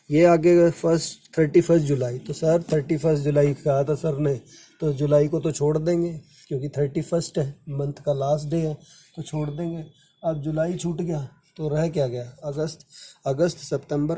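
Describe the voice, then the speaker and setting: A man's voice: a little high, dark tone, slight background noise. A man teaching a commerce lesson, lecturing in a casual classroom way, counting aloud and addressing students affectionately. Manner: counts months aloud, calls students "बेटा", quotes their questions.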